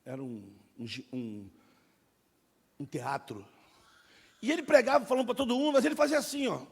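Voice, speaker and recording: A middle-aged man preaching a sermon and telling his own testimony, swinging between loud and hushed like a dramatic storyteller. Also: sits high, big pitch swings, moderate pace, creaky, breathy edge. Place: church sanctuary. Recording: long hall reverb.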